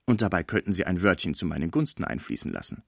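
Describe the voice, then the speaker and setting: A man voicing a scheming, fawning older female portress in an audiobook, flattering and pushy. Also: deep voice, fast, gravelly, dry recording, clean studio sound, exaggerated voice. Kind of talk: audiobook character voice.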